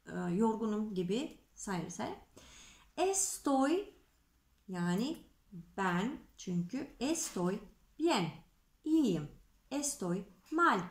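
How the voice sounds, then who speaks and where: A woman teaching Spanish grammar to Turkish speakers, slow and patient, repeating examples and checking in with her students. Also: on the high side, reverberant. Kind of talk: explaining grammar to Turkish learners.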